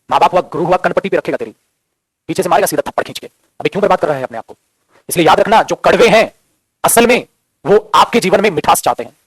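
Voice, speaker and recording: Male grammar teacher, high husky voice, rapid-fire classroom delivery, fatherly and scolding. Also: no echo. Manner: scolding, fatherly, keeps calling students "beta".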